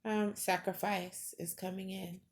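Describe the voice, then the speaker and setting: A woman hosting a paranormal session, talking to spirits with solemn questions in a halting, deliberate way on a noisy amateur recording. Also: medium pitch, flat delivery. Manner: halting, deliberate, pausing between phrases.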